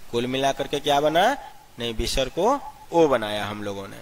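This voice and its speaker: A man teaching a grammar lesson step by step, asking questions and answering them himself, and spelling out letters slowly one at a time. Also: mid-range voice, expressive, a little hiss or hum. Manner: explains step by step, asks and answers his own questions. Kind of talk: classroom-style grammar lesson.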